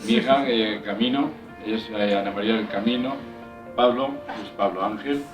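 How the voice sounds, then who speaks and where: An older man from Spain telling his story as an interviewee, halting and repeating words. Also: lowish voice, over music. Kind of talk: personal recollection. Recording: roomy, from a distance.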